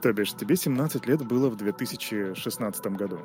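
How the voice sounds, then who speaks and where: Male interviewer, lowish voice, playful, talks to viewers, faint music under. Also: fast talker, a little mellow. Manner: playful, addresses the audience directly. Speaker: interviewer host. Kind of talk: podcast interview.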